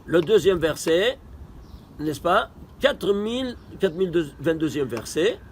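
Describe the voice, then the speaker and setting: A man teaching a Torah study lesson, posing rhetorical questions and answering them himself, emphatic with sudden bursts and quiet asides. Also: fairly high pitch, big pitch swings, takes it slowly, a little hiss or hum.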